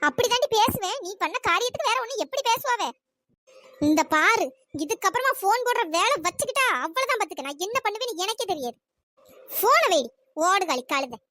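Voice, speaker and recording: A woman's voice: very high-pitched, very animated, brisk, sharp tone, dry recording, full character voice. A woman voicing a middle-aged aunt in a cartoon story, scolding harshly and throwing insults.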